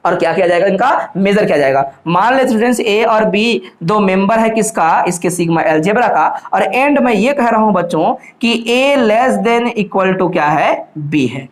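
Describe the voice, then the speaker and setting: A man's voice: sits high, expressive, normal speed, few pauses. A man lecturing on university mathematics, constantly posing questions to his students and answering them himself, calling them children. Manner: addresses listeners fondly as children. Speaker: math lecturer. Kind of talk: classroom lecture in Hindi mixed with English terms.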